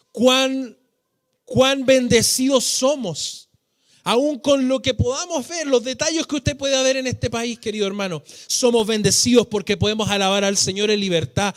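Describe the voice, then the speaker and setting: A Chilean man preaching a sermon in a church, fervent and emphatic, stretching out key phrases with sung cadences. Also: very high voice. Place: church hall.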